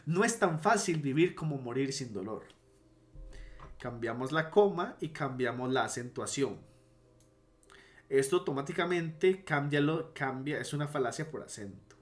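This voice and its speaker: A man's voice: mid-range voice, animated, a little slow, soft background music. A man teaching logic in a casual online lecture, explaining step by step and stopping to restate and correct himself.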